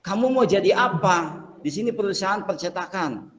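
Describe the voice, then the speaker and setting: A teacher acting out a doubtful company boss firing off skeptical questions. the voice is a touch high. the room gives it a long, echoing tail. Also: male voice, expressive, normal speed, a bit bright. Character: doubtful male boss of a book printing firm.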